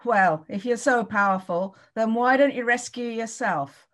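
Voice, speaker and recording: A woman voicing a scornful passerby, high and jeering, in a dramatized scripture reading. The taunting comes out sharp and mocking. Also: a little slow, natural voice.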